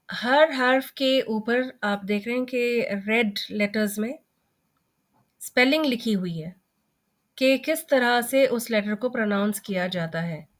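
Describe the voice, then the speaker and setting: A woman teaching an online recitation lesson, explaining each term patiently and step by step. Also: medium pitch.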